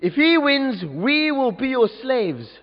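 A man's voice: extremely high pitch, big pitch swings, slow pace, voice pushed up, exaggerated voice. A man reading as a boastful giant warrior. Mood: taunting. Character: boastful giant male warrior, roaring challenge. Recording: dull echoey church recording.

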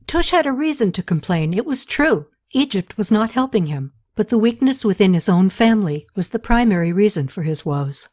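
A woman narrating a historical novel in a steady, even storytelling voice. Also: mid-range voice, moderate pace, hardly any pauses. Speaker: audiobook narrator. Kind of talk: scripted narration.

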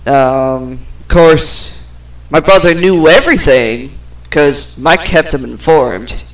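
A woman's voice: low-pitched, slow, poor audio. A woman hosting her own podcast, ranting in a rambling way, swearing now and then and trailing off with fillers. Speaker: podcast host. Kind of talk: personal podcast rant.

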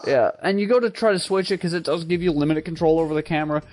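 A man's voice: on the high side, quick pace, a little mellow. A man co-hosting a gaming show in casual banter, joking and ranting with plenty of swearing. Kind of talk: casual video game banter.

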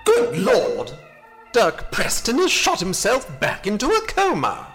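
A man's voice: sits high, huge pitch swings, unhurried, gravelly, a bit bright, soft background music, exaggerated voice. A man playing a dry, sardonic male wisecracker in a comedic audio drama.

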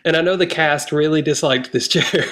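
A man with a fairly high voice chats on a podcast. He tells things with animation and laughs often as he goes, in an easy, casual way. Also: moderate pace, a bit bright. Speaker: podcast co-host. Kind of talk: casual chat.

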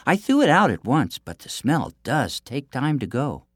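A man voicing a young princess who is frightened but clever, speaking in a high, urgent, pleading way. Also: wildly swooping pitch, normal speed, dry recording, studio quality. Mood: coaxing.

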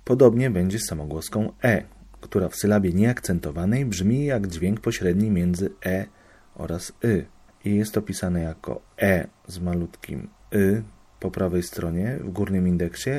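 A man with a low, warm voice talks through a lecture topic in a measured, explanatory way. He pauses now and then to make sure his listeners are keeping up. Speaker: student presenting a lecture topic. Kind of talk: academic explanation.

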